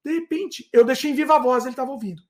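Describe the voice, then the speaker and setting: Man, high voice, podcast host, animated storytelling, lots of restarts. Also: fast.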